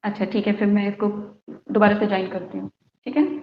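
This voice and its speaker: A woman's voice: medium pitch, flat delivery, brisk, a little hiss or hum. Woman on a heavily echoing call. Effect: heavy echo on her audio. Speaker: interview guest. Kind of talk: online panel discussion. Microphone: video call. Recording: echoey, dull lo-fi call audio.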